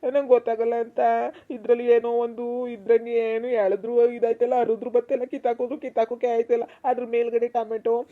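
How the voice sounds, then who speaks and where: A woman playing a soft-spoken young son who whines and pleads for his favorite food in a comedy skit. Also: fairly high pitch, little pitch movement, a little fast, natural voice. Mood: complaining. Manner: whiny, pleading, repeats "amma". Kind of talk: comedy skit role-play. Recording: tinny phone-like sound.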